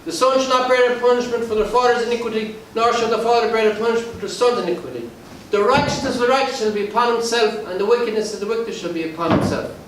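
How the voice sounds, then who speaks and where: A man's voice: extremely high pitch, fast, hardly any pauses. A man playing a stern, commanding mayor and magistrate in a historical play, with formal, solemn, declamatory delivery. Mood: solemn, unyielding. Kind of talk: historical stage play acting. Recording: echoey hall, distant mic, faint noise.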